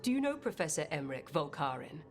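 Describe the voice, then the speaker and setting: A stately game watch commander lady, low voice, formal and measured, music underneath. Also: very animated. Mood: formal, composed. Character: formal, commanding woman of a necromancer watch order. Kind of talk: video game voice acting.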